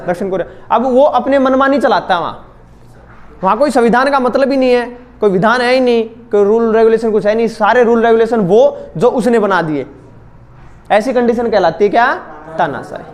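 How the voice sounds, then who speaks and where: A man's voice: very high voice, a little fast. A young man teaching a school class, explaining terms step by step and asking his students questions. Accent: Hindi-English mix. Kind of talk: classroom lecture.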